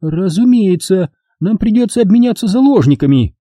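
A prim, haughty elderly lady, calculating and used to giving orders, her voice raised well above a man's normal register, as the narrator puts her on. The timbre stays dark and husky, and the recording is dry, close to the mic, with no room echo. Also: high-pitched, expressive, normal speed, voice pushed up. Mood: indignant. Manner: prim and commanding.

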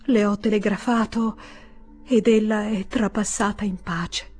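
A woman's voice: mid-range voice, fairly even intonation, measured pace, darkish tone, breathy edge, faint music behind. A woman voicing an elderly widowed mother who pleads defensively and tearfully. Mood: pleading.

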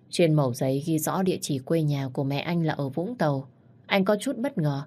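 A woman telling a story as a measured, scripted narration. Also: sits low, darkish tone. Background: faint music.

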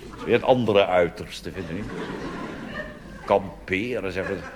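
A Dutch man from the Netherlands performs a chatty, wry cabaret monologue packed with asides, recorded live on stage. His voice is deep at a moderate pace, with background noise plus audience laughter and applause.

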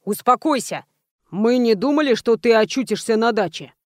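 Flustered adult son pleading with his mother, read by a woman narrator in her own high voice; dry close audiobook sound. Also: expressive, moderate pace, dry recording, natural voice. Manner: awkward, pleading.

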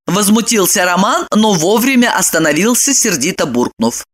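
A woman narrating an audiobook in an expressive storytelling manner. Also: medium pitch, normal speed. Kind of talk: scripted narration.

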